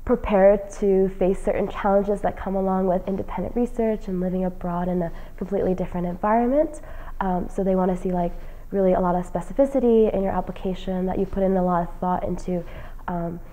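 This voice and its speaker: Seated in an indoor lounge with plants and a leather chair, a young woman from New Jersey, a graduating senior and fellowship recipient, discusses her plans in interview answers. Her mid-range voice is relaxed and mellow, and she speaks earnestly and casually, pausing often on "um." A lapel mic gives close, clean sound, though the recording is also rough.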